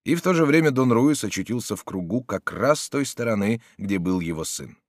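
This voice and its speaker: A man narrating an adventure novel as an audiobook, reading in an expressive, dramatic way. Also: fairly low pitch, a little fast, no echo, clean studio sound. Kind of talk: scripted narration.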